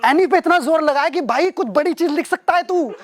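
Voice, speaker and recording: A man's voice: very high-pitched, a little fast. Young man from doing stand-up. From Uttar Pradesh, India. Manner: animated, self-mocking anecdote telling. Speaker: stand-up comedian. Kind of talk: stand-up storytelling.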